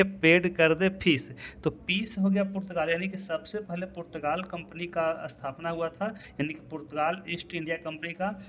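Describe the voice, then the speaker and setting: A male exam-prep teacher explains history in a fairly high voice. He keeps checking in with "है ना" and chuckles at his own tricks. There is faint ambience behind him. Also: slight background noise. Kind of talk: lecture.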